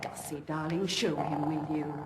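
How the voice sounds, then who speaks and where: An actress playing a bossy, impatient young upper-class woman who briskly scolds and directs a rehearsal. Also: sits low, fairly even intonation. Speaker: organizer directing a village sketch. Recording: TV drama sound with loud background noise.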